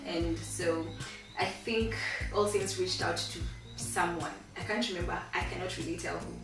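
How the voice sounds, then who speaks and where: A young Kenyan woman with a slightly low voice talks casually as a guest, candid and animated. The room rings with heavy echo and she sounds distant from the mic. Music plays clearly behind her. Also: normal speed. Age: 20s. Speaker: guest, medical student. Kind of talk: casual chat interview.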